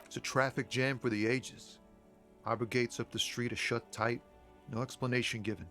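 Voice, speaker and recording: A man's voice: medium pitch, steady tone, normal speed, fairly bright tone, faint music behind, natural voice. A man playing a laid-back, breezy traveler in a video game, with slangy, singsong talk.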